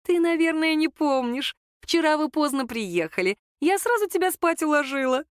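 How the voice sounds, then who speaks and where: A woman voicing an older mother-in-law who talks in a high, breaking, soft and ingratiating voice. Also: animated, normal speed, dry recording, studio quality. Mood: coaxing.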